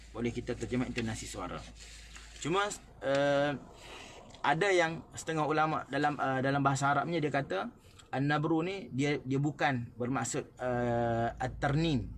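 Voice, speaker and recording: A man with a Malaysian Malay accent teaching a recorded Quran recitation class, explaining word stress and then slowly chanting verses to demonstrate it, with frequent fillers and self-corrections. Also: medium pitch, a little hiss or hum. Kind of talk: recorded online tajwid class.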